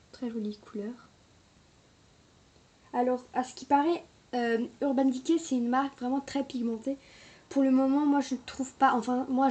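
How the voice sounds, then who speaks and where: A woman chatting casually through a makeup review, hesitant and quick to apologize, recorded on a camera mic at home. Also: on the high side, dark tone, slight background noise. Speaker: beauty vlogger.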